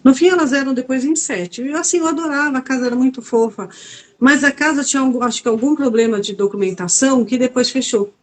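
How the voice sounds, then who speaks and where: A middle-aged woman, a guest telling a personal story in an animated way and acting out dialogue. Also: high-pitched, fast. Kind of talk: conversational storytelling.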